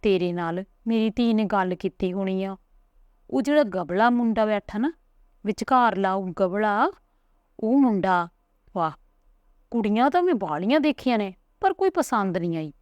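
A woman voicing a chatty, pushy elderly village grandmother who coaxes and talks without pause. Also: medium pitch, expressive, darkish tone, clear, resonant tone, no room sound, highs cut off, lightly acted. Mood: coaxing. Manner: talks on and on, coaxing.

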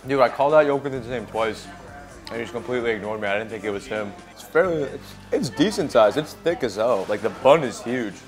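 Brisk and expressive at medium pitch, with faint music behind, a young man in his twenties vlogs about food in a relaxed, jokey way. A small clip-on mic on his shirt captures him on a city street and then inside a busy little restaurant.

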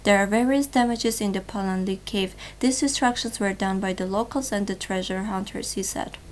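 A young woman presenting a read news bulletin in a television studio, in a steady, formal newsreading manner. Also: mid-range voice, moderate pace, soft background music.

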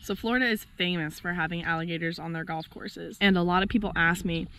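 Hoarse young woman vlogging outdoors. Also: lowish voice, fairly even intonation, quick pace, fairly bright tone, slight background noise. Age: young adult. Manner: chatty, enthusiastic explainer. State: hoarse, losing her voice. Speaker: biology student filming wildlife. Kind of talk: casual outdoor nature vlog. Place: outdoors on a golf course.

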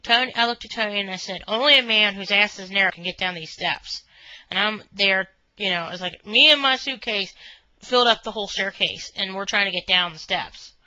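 Chatty woman, bright dry voice. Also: medium pitch, a little fast, no echo, poor audio. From Northern Kentucky, USA. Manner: chatty, meandering, many fillers like "you know". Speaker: vlogger reviewing a restaurant. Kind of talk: rambling casual monologue.

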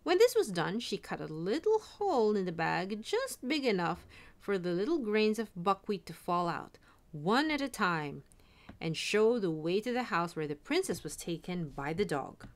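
A woman reading a fairy tale aloud in an expressive, animated storytelling manner. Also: mid-range voice, moderate pace.

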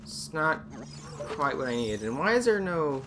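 A woman's voice: sits low, big pitch swings, a little slow, very noisy. A woman playing a video game, thinking aloud and muttering to herself, with sudden exasperated outbursts. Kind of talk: let's-play commentary. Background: game music.

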